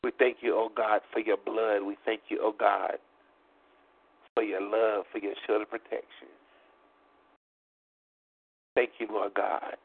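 Against a noisy background, a man with a lowish, flat voice and vocal fry speaks a little slowly, leaving long pauses. He is a prophet and preacher praying and exhorting fervently at a live church service, repeating phrases rhythmically and joking between songs while sounding congested. The livestream audio is tinny, almost like a phone call.

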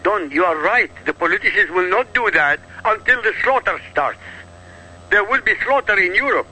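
This is a man from Iraq holding forth as a talk show guest. He is emphatic and insistent and throws out rhetorical questions. His voice is sharp and forceful, fairly high, and swings across a wide range. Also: expressive, moderate pace, breathy edge, poor audio. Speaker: guest commentator. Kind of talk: heated political talk.

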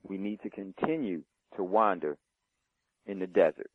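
A man hosting a talk show, making forceful, deliberate declarations before handing over to his guest. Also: low voice, no echo. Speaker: host. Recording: dry, tinny phone-line sound.

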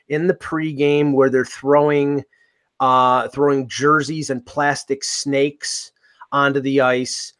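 A man's voice: mid-range voice, fairly bright tone. A man hosting a casual sports podcast, talking in a rambling way with many restarts and fillers. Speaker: podcast host.

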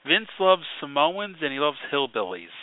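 A man's voice: a little high, sing-song, moderate pace, dry recording. Male co-host, rambling casual chat, dry, phone-like audio. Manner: rambling, heavy on "like" fillers. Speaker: podcast co-host. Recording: tinny phone-like dry sound.

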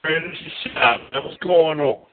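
A male radio caller heard over a narrow, tinny phone line. His voice sits a little high. He talks casually and stumbles over the starts of his sentences. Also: slight background noise. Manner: halting, repeats words when starting sentences. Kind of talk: casual call-in chat.

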